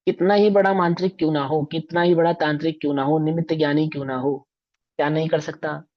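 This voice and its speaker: A man's voice: on the high side, steady tone, fast. A man giving a religious discourse as a scripture teacher, emphatic and full of rhetorical questions to his listeners. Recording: dull lo-fi recording.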